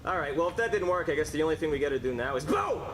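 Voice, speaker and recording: A man voicing a brash, loud male doctor with a Brooklyn accent who talks in a mocking, shouty way. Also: fairly high pitch, lively intonation, very fast, noisy background, lightly acted. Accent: New York (Brooklyn).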